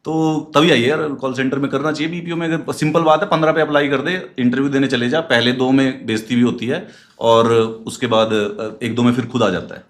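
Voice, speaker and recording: A man's voice: medium pitch, steady tone, a little fast. A man with a Haryanvi accent chatting as a stream guest, telling easygoing stories and laughing often. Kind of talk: casual chat on a live stream.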